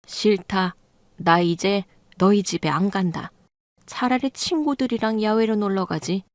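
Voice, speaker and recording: A woman's voice: medium pitch, unhurried, dry recording, lightly acted. A woman voicing an offended mother who scolds her daughter in a radio drama story. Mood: grumbling. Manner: scolding, complaining. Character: annoyed middle-aged mother, sulky and grumbling.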